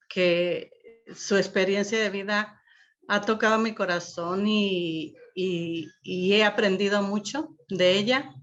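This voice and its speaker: Hesitant woman, slow with fillers. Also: medium pitch, fairly bright tone. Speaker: volunteer introducing a guest. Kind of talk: spoken introduction. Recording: dull lo-fi audio.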